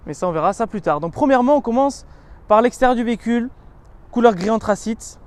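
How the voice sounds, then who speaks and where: High-voiced man presenting a car. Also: animated, fast talker, darkish tone. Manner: chatty and descriptive, listing features with many connecting "donc"s and "euh"s. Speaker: car reviewer. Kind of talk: casual walkaround presentation of a car.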